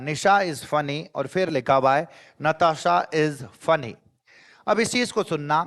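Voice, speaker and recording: Animated male teacher. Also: on the high side, long reverb tail. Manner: animated, repeats key phrases and quizzes students. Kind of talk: exam-prep grammar lesson.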